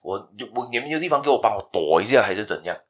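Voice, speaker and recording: A man voicing a young son, insistent and pleading, a little higher than his own voice. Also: very animated, racing.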